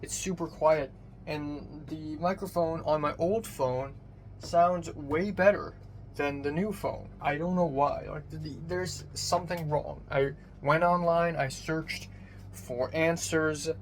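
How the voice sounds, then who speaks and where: A young man rambling through a casual personal vlog, swearing casually, his voice thin with no bass on a phone microphone. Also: fairly even intonation, takes it slowly. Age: young adult. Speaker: vlogger. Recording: thin bassless phone mic, background noise.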